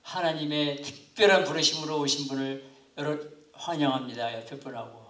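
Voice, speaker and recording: A man in his seventies, a pastor teaching a missions class to lay ministry students, speaking in an unhurried, halting, politely formal way. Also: fairly high pitch, steady tone, a bit bright. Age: 70s. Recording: echoey room, far from mic.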